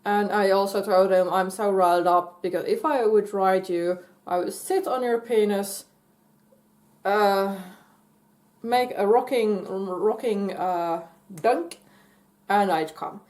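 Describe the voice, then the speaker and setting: A woman casually telling a personal story in a halting way, full of fillers and restarts and breaking into giggles. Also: mid-range voice, a little mellow. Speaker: vlogger.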